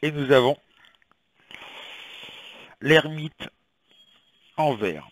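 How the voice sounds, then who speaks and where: His voice on the high side, with lively intonation and drawn-out words, a man from France reads tarot in a casual weekly prediction vlog. He chats and rambles with many fillers while coughing through a slight cold.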